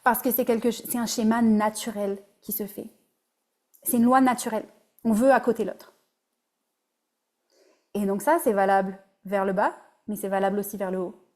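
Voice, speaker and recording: A woman's voice: mid-range voice, fairly even intonation, moderate pace, pauses often, a little mellow. A woman with a Québécois French accent, a relationship coach giving a casual, conversational webinar presentation and dropping in English words.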